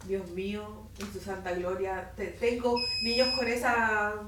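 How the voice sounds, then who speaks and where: A Chilean woman teaching at a Bible institute, sharing a personal testimony in an informal, animated storytelling manner and acting out dialogue. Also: medium pitch, unhurried. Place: classroom. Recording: distant mic in an echoey room, faint hiss.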